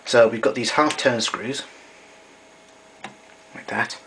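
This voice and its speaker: Slow-paced, medium-pitched and a bit bright, a man explains equipment matter-of-factly during an informal hands-on demonstration. The camera mic sits a short distance away in a small domestic room, producing a noisy amateur recording where background noise is clearly heard.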